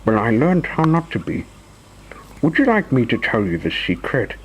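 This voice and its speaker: Man playing a kindly, gentle storybook tramp. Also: medium pitch, very animated, moderate pace, husky, pitched above the performer's own voice, low-quality recording. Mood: gentle, reassuring. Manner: gentle, soothing.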